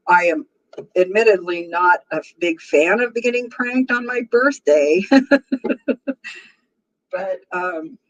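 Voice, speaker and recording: Poor audio captures a woman in her sixties whose strong voice sits on the low side. She hosts a casual livestream, chatting comfortably with her viewers and often breaking into laughter.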